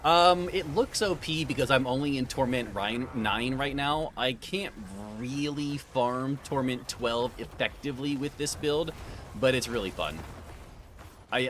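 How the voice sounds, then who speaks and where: A man with a mid-range, fairly bright voice chats casually with viewers while gaming on a livestream. He greets them by name and calls them sir, and background noise comes through clearly.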